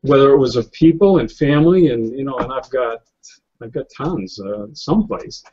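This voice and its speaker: Brief: middle-aged man, New England-raised photographer, mid-pitched, meandering and filler-heavy, muffled webcam call audio. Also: expressive, normal speed, mellow, slightly rough. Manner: rambling, many fillers and restarts, chuckles often. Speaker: guest photographer. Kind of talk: casual interview conversation. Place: indoor room, seated in office chair. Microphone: webcam on a video call. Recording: slightly lo-fi video call audio.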